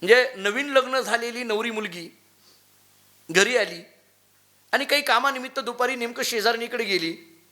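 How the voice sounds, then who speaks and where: A male devotional preacher giving a sermon in a temple, telling stories and chanting scripture quotes with lively emphasis. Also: very high voice, normal speed, pauses often. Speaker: kirtankar preacher. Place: temple hall.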